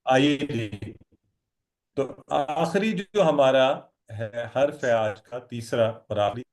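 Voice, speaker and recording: A man teaching an online Arabic lesson, patient and encouraging as he drills his students. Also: medium pitch. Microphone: video call.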